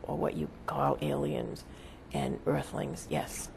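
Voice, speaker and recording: A seance medium channeling as a spirit, with a creaky voice, answering questions in halting, solemn, formal phrases. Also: medium pitch, flat delivery, background noise.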